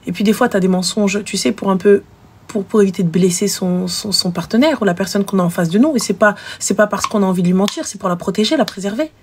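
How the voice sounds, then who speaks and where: A woman hosting a live show, giving frank, animated relationship advice and acting out little scenes. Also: mid-range voice, fast, slight background noise. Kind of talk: casual advice chat.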